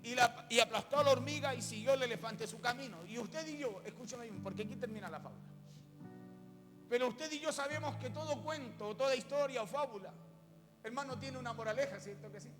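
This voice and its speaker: Speaking briskly in a very high voice, this pastor narrates a fable to his congregation and keeps breaking off to talk to them directly. The church setting comes through as a reverberant hall with music.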